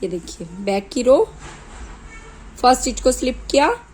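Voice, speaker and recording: A woman with a sore throat teaching knitting step by step, calmly counting stitches aloud one at a time. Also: a little high, moderate pace, a little hiss or hum, rough recording. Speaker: knitting tutor. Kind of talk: slow step-by-step craft tutorial.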